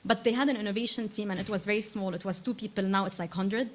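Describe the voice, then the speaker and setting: A woman's voice: mid-range voice, fairly even intonation, fast talker, slight background noise. A woman in her thirties from Lebanon, giving a conference talk to students and filling her speech with uh and um as she restarts phrases. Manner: frequent uh and um fillers, self-correcting restarts. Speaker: invited tech speaker.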